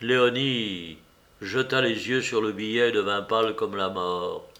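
A man reading a novel aloud in a measured, dramatic storytelling manner. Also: on the low side, bright, forceful tone. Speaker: audiobook reader.

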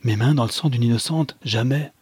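A man voicing a pompous, self-important male caretaker who makes loud, blustering threats. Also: mid-range voice, a little fast, slightly rough, no room sound.

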